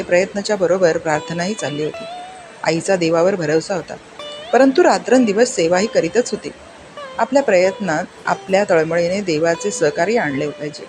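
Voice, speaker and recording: A storyteller reading a classic children's story aloud in an earnest, emotional first-person voice over background music. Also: mid-range voice.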